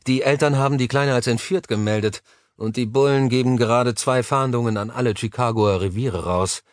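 A man's voice: medium pitch, a little fast, dry recording, studio quality, natural voice. A male narrator voicing a nervous, cynical male business partner talking on the phone in an audiobook. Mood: tense, cynical.

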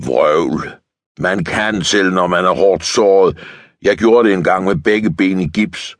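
A man's voice: low-pitched, no room sound, close to an everyday voice. Man as a bitter, swearing tank lieutenant. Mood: blunt. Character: bitter, defeatist male tank lieutenant, coarse.

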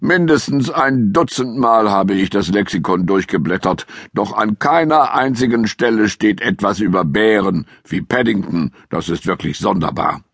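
A man's voice: on the low side, animated, normal speed, few pauses, a bit bright, husky, no room sound, clean studio sound, full character voice. A man voicing an earnest, slightly pompous family father in a children's audiobook. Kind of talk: audiobook character voice.

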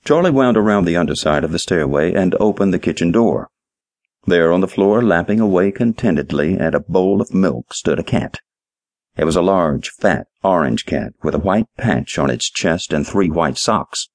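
A man narrating a short story in an audiobook, reading in a measured storytelling manner. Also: low voice, lively intonation, darkish tone, dry recording, studio quality. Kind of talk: scripted narration.

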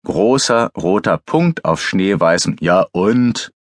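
A man's voice: sits low, lively intonation, slow pace, dry recording, studio quality, full character voice. A man voicing a grumpy male detective chief who answers in curt, irritated grumbles in an audiobook.

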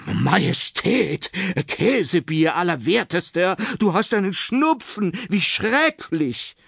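A man's voice: sits high, sing-song, takes it slowly, gravelly, fairly bright tone, husky, no echo, clean studio sound, pitched above the performer's own voice, exaggerated voice. A man voicing a fussy, anxious royal doctor in a children's storybook. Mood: alarmed.

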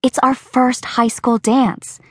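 Perky teen girl bestie, pushy and excited, dry close sound - a woman reading her. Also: sits high, slow, husky, no echo, pitched above the performer's own voice, heavily acted. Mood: coaxing. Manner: coaxing and enthusiastic. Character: eager, upbeat teenage girl best friend. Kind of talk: audiobook character voice.

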